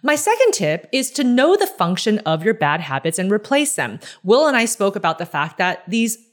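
Encouraging female podcast host, mid-pitched, eager delivery. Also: big pitch swings, moderate pace. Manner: warm, enthusiastic, encouraging. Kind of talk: interview hosting and advice segment.

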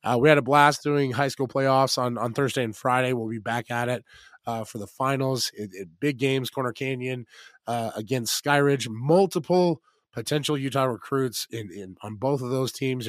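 Hoarse American man talking football. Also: mid-range voice, normal speed, no room sound, studio quality. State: hoarse, smoky rasp from being out in the cold. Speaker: sports podcast co-host and football analyst. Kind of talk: casual sports talk.

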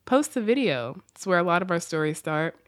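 Animated Southern woman podcast host. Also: fairly low pitch, fairly quick. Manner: animated, joking asides, laughs often. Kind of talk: casual podcast chat.

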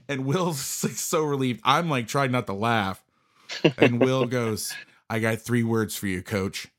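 A man hosting a casual podcast interview, telling a joking story and asking questions. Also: mid-range voice. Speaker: podcast host.

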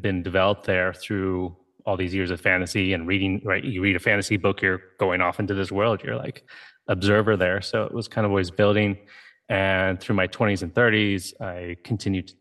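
A man's voice: sits low, a bit bright. A man in his forties from Ohio, a game creator telling his story as a guest in a conversational interview, in an easygoing way full of "you know" and "right?". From Ohio, USA.

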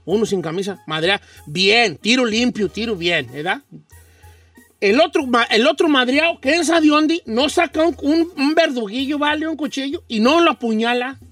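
High-voiced Mexican man telling a story. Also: normal speed, no echo, distant mic, faint music behind. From Michoacán, Mexico. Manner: slangy, rambling, animated storyteller. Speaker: radio show host. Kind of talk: casual storytelling chat.

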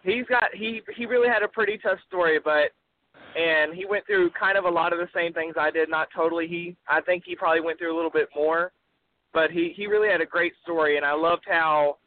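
A man's voice: on the high side, fairly even intonation, fairly quick. A polite nineteen-year-old man with a Texan accent, calling in as an interview guest and talking earnestly, sounding like he is in a wind tunnel. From Texas, USA. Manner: polite, says sir. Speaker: phone-in guest. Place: call-in from a car. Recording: tinny phone line, windy noise like wind tunnel.

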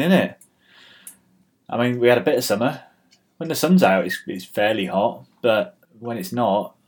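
A man's voice: medium pitch, slightly rough. A British man rambling casually as host of an amateur weather show, with a dry, grumbling, mock-exasperated manner, recorded on a built-in laptop microphone. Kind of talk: rambling casual solo chat.

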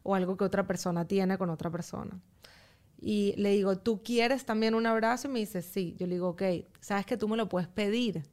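Appearing as a podcast guest, a woman with a medium-pitched voice calmly walks through her parenting approach step by step. Her tone is measured and the exchange feels like a casual chat.

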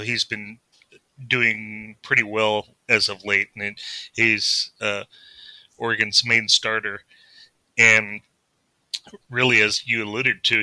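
A man who is a podcast guest, talking sports casually in a halting, hesitant way with many filler sounds. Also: on the low side, bright, forceful tone, no echo, poor audio.

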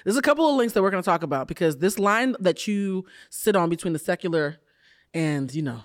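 A man hosting a casual interview, expressive and gushing, laughing often with his guest. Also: high voice, a little fast, dry recording, studio quality. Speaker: podcast host.

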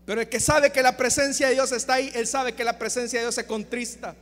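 Male preacher, very high voice, fiery sermon at a church service with long hall echo, flips between shouting and near-hush. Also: flat delivery, quick pace. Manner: impassioned, swings between shouted emphasis and hushed appeals.

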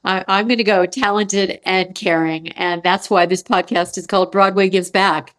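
A woman hosting a podcast interview who asks thoughtful questions and pauses to search for her words. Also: mid-range voice, steady tone, a bit bright. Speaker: podcast host. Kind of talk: interview conversation.

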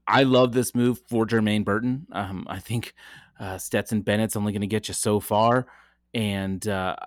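A man's voice: fairly low pitch, dry recording, clean studio sound. A man co-hosting a podcast, chatting casually about football with frequent ums and restarts. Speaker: podcast co-host. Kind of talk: casual sports chat.

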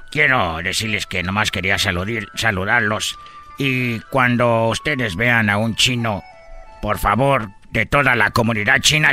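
A man voicing a joking Chinese character in a radio comedy sketch, breaking into sudden high shouts.

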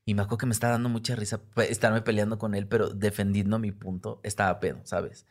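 Mexican male comedian guest, lower-pitched voice, chatty, acts out quotes, restarts often. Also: fast talker. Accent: Mexican Spanish. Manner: animated storyteller who acts out quoted voices; frequent tag questions and self-interrupting restarts. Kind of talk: casual conversational interview.

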